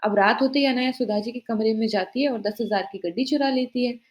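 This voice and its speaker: A woman telling a family drama story in plain, even scripted narration. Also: a little high, brisk, highs cut off.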